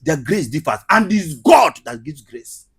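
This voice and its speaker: A man's voice: on the high side, big pitch swings, a little slow, crowd noise. A man with a Nigerian Igbo accent, telling his story as an interview guest and repeating phrases emphatically. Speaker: guest, comedian and skit maker.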